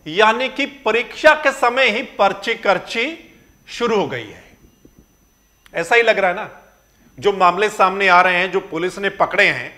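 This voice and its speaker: High, bright-voiced male news presenter. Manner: questioning, emphatic, rhetorical. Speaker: news reporter presenting a report. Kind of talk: spoken news commentary.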